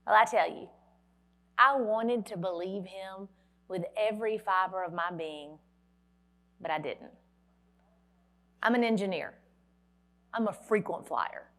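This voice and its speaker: Woman, keynote speech, dramatic storytelling, wry humor, mid-pitched voice. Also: measured pace, pauses often, fairly bright tone. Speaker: motivational speaker. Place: conference hall.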